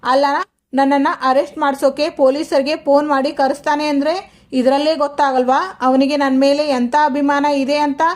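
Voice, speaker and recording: A woman's voice: high-pitched, flat delivery, normal speed, lightly acted. A woman voicing a tearful, scheming middle-aged widow from a TV serial, in a plaintive, self-pitying tone. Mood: aggrieved.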